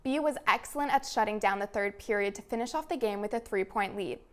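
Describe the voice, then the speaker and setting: Reading scripted sports news as a student anchor, this young adult woman uses a medium-pitched, fairly bright voice. She keeps a measured, presentational newsreader style.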